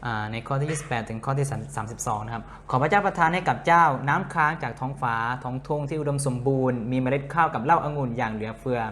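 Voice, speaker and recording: A man interprets a sermon live, reading scripture and relaying what the preacher says. He hesitates often and fills the pauses as he finds his words, at a steady mid pitch. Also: a little hiss or hum. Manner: hesitant, many filler sounds. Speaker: church interpreter.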